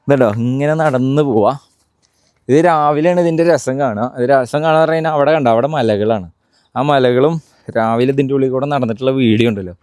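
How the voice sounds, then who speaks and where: A man's voice: medium pitch, a little mellow, no room sound, clean studio sound. A man with a Malayali accent giving a casual, chatty walking-tour vlog, mixing English words into Malayalam as he talks to viewers and companions. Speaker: vlog host.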